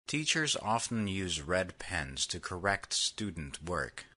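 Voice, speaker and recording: A man reading vocabulary words and example sentences slowly, with a husky voice. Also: deep voice, very animated, bright, forceful tone. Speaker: vocabulary lesson reader. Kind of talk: slow read example sentences.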